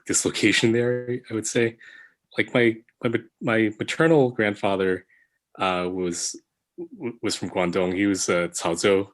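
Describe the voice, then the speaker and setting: A man with a somewhat low voice answers as a podcast guest. He hesitates, restarts and trails off as he recalls things. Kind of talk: casual interview.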